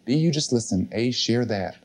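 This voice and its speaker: A man leading a live motivational seminar, giving slow, emphatic instructions and repeating key phrases. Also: mid-range voice, lively intonation, darkish tone. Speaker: firewalking seminar leader.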